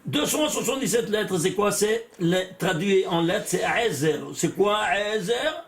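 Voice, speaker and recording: Animated older rabbi, high lively voice. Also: male voice, measured pace. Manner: animated, asks the class questions and answers them himself; repeats words and restarts phrases. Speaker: rabbi teaching Torah. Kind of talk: Torah lesson with gematria.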